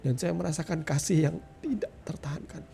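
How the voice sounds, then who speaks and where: A middle-aged man preaches his testimony in an earnest, direct way, often turning to address the listeners. His voice is gravelly and warm. Soft music plays faintly behind him. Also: on the high side, a little fast. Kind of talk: testimony sermon.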